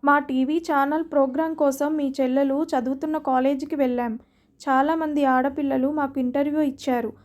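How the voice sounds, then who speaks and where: Storybook husband, earnest and pleading, high flat tone as a woman reads him. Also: moderate pace, natural voice. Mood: explaining. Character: young husband, patient and pleading. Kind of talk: storybook reading.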